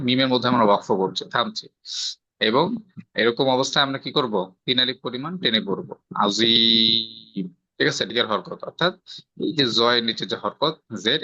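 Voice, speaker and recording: A man's voice: medium pitch, bright, forceful tone, dry recording. A man with a Bangladeshi Bengali accent teaching Quran recitation rules, explaining step by step and quizzing his student with questions. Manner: explains step by step, checks for understanding with rhetorical questions. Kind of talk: patient tajweed lesson, quizzing a student. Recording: slightly dull, dry lo-fi sound.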